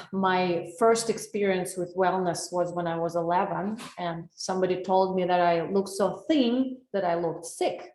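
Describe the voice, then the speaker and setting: Speaking through a computer mic on a video call, a woman from Russia with a Russian accent gives an earnest, personal wellness webinar, asking her listeners questions as a wellness coach. Her voice is on the low side and darkish. The recording sounds roomy and is low in quality.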